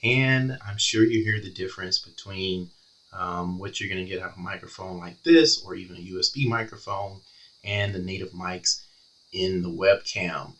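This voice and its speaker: A man's voice: deep voice, moderate pace, distant mic. A man giving a casual product review, heard through a webcam's built-in mic that sounds tinny and muffled, with room echo from an untreated room. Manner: relaxed, explanatory, with fillers. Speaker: tech reviewer. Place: small untreated room with reverb.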